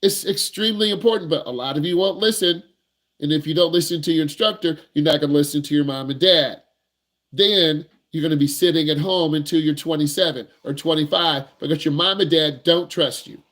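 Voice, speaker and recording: Man, driving instructor, high-pitched voice, animated and emphatic, energetic teaching talk to camera. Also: a little fast. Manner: animated, emphatic, acts out nervous students in a higher voice.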